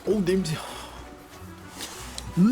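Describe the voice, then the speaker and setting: A man hosting a comic ghost-hunting vlog indoors in a house, bantering and swearing at an unseen ghost, going from hushed to shouting. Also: high voice, drawn-out words, music in the background. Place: indoors in a house on a home visit.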